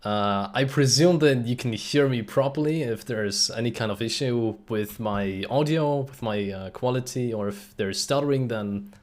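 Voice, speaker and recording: A man from Germany hosts a live-streamed technical talk in a middle-pitched voice. He explains step by step in a relaxed, conversational way. Frequent "uh" fillers run through his speech, and he stops now and then to answer the chat. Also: moderate pace. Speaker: host and presenter.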